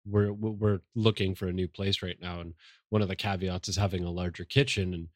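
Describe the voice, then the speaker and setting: A man's voice: low voice, flat delivery, a little fast, no room sound, clean studio sound. A man chatting casually on a podcast, enthusiastic and a bit rambling, often restarting his sentences. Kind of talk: casual chat.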